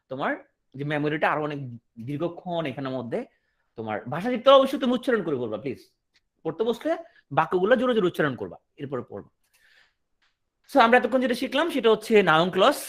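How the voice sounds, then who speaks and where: A man teaching English grammar in an online class, reading English sentences slowly and translating them, with frequent checks like "right?". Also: on the high side, fairly bright tone. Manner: explains in a question-and-answer rhythm, repeating and checking understanding.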